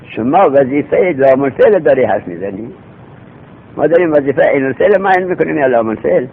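Gravelly-voiced man teaching a grammar class. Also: animated. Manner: patient, repetitive explaining with rhetorical questions. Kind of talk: seminary grammar lesson. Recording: tinny phone-like recording with faint rumble.

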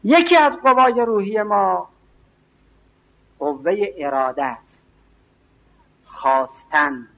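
A man giving an evening religious lecture, speaking slowly and emphatically and reciting scripture and verse. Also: high-pitched, expressive. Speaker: preacher. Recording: dull lo-fi recording.

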